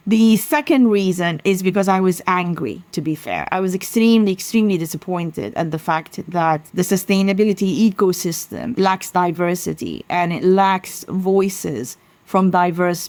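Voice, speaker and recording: A woman's voice: lowish voice, lively intonation, normal speed, darkish tone, no room sound. A middle-aged woman from Sudan, a consultancy founder answering interview questions in a passionate, emphatic way. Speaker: guest, sustainability consultancy founder.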